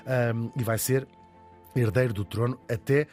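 A man with a European Portuguese accent, telling a history story as a podcast host in casual, lively chat with jokey asides. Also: medium pitch, measured pace, soft background music.

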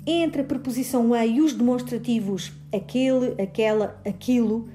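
A woman linguist with a European Portuguese accent explains a grammar point in a scripted radio segment. She speaks in a measured, clear way and lists examples one word at a time. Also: fairly high pitch, dark tone, soft background music. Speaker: linguist answering a language question.

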